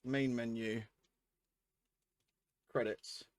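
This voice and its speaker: Extremely slow and fairly even in intonation, a man's mid-range voice comes through a dry recording as he chats casually with his game-stream viewers. He swears, repeats himself often, and is an adult with young kids; clear background music plays throughout.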